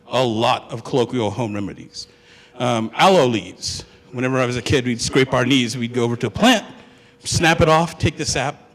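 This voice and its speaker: A young man from Hawaii, a student, telling his story to an audience in a chatty, joking way and asking them questions. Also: a little high. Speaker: student speaker. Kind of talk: humorous personal storytelling talk. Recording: long hall reverb.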